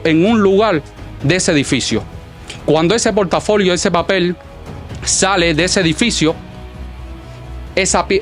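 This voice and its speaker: A Cuban man speaks as a political orator in a formal, declamatory style. His voice sits high for a man. Soft music plays faintly behind the solemn address. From Cuba. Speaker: political speaker at an exile inauguration. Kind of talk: formal political speech, partly read from a script.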